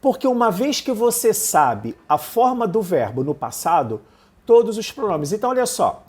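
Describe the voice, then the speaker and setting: A man's voice: sits high, big pitch swings, normal speed, darkish tone. A man with a Brazilian Portuguese accent teaches an online English lesson in an upbeat way. He explains things step by step and keeps checking that the learner is following.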